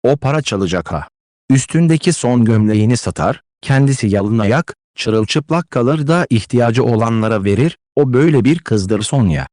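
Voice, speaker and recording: A man's voice: medium pitch, lively intonation, normal speed, darkish tone, dry recording, lightly acted. A man voicing a distraught, consumptive widowed mother who pleads and scolds with emotional declamation, in a dry close-miked audiobook read. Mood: anguished.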